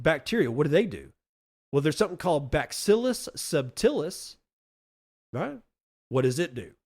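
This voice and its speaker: A man talks in a lively, swooping voice that sits a little high for a man. He explains in a folksy, emphatic monologue, full of rhetorical questions, and stumbles over repeated words as he thinks aloud. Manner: animated, folksy, emphatic with playful analogies. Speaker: podcast host.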